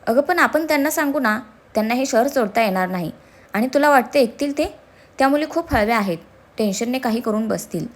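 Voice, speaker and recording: A woman's voice: on the high side, expressive, fairly quick. A woman with a Marathi accent narrating a story and voicing every character's lines herself. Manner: reads every part herself, voicing men and women in turn. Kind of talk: scripted story narration with acted dialogue.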